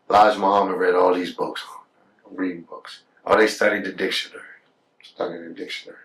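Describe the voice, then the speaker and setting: A man's voice: low voice, far from the mic, rough recording. A man telling his life story in a casual podcast talk. He often repeats words when he gets heated and keeps asking "you know what I'm saying". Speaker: podcast guest.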